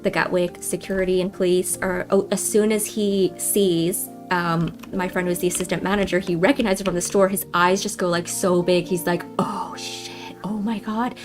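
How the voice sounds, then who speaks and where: A woman's voice: fairly low pitch, flat delivery, moderate pace, hardly any pauses, music in the background. A young woman hosting a game livestream, telling a story in a rambling, chatty way with lots of fillers and restarts, often calling her viewers guys. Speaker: livestream host.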